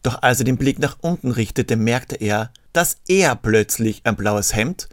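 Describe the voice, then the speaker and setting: A man's voice: mid-range voice, lively intonation, measured pace, no echo, clean studio sound. A man narrating a Christmas story with wry, sarcastic asides. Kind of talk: scripted narration.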